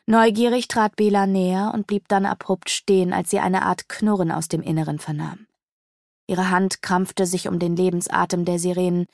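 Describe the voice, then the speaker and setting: Gravelly-voiced woman narrating a fantasy audiobook. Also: lowish voice, little pitch movement, moderate pace, a little mellow, no echo, studio quality.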